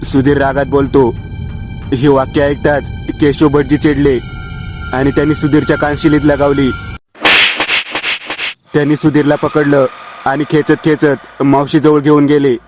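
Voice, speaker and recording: Male horror storyteller, higher voice, flat steady narration, faint music behind. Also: moderate pace, pauses often. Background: faint background music.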